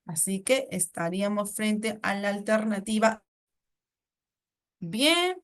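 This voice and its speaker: A Peruvian Spanish-accented woman teaches through exam questions in a patient, explanatory way. She checks in with short tag questions and corrects herself mid-phrase as she goes. Her voice sits at an ordinary middle pitch. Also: animated, takes it slowly.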